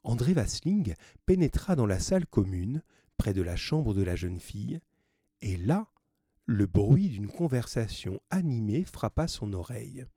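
A man narrating a classic novel as an audiobook, in a measured, even reading. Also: on the low side, husky, dry recording, clean studio sound.

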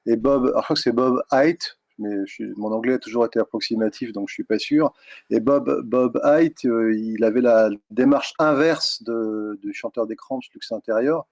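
A man, a guest author, telling stories in a rambling, relaxed way with many fillers. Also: mid-range voice, normal speed, dry recording. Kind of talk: casual interview chat.

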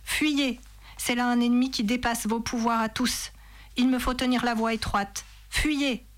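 A woman's voice: medium pitch, normal speed, lightly acted. A woman voicing an old male wizard who holds a bridge against a demon, speaking in a commanding, declaiming way.

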